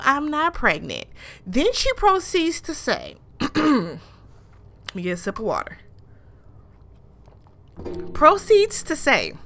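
A woman casually recapping a reality show in a blunt, animated way, with frequent swearing. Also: on the high side. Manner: mimics show cast members in raised voices.

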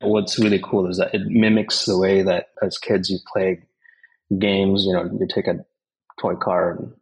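A man from India, a tech company co-founder, answering interview questions in a measured, explanatory way. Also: low voice, flat delivery, low-quality recording.

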